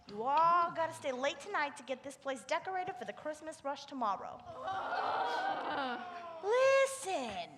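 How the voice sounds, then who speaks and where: A woman's voice: sits high, fairly bright tone, slight background noise, full character voice. A woman voicing a harried male store manager who is bossy and stammers. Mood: commanding.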